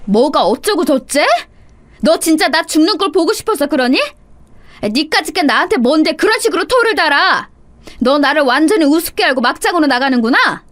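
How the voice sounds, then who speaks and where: A woman voicing a harsh elderly mother-in-law who berates her daughter-in-law in a sharp, shrill tone. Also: animated, moderate pace. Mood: furious. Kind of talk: dramatized story reading.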